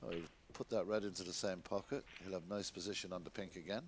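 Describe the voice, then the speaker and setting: A man giving hushed, measured snooker commentary in an understated way. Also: low-pitched, steady tone. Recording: noisy commentary recording with clicks.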